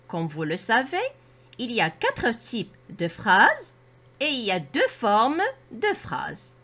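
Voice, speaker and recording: Woman teacher, Moroccan French accent, high and very lively pitch, careful classroom explaining. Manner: slow, carefully articulated explanations. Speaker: primary school teacher. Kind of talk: grammar lesson narration.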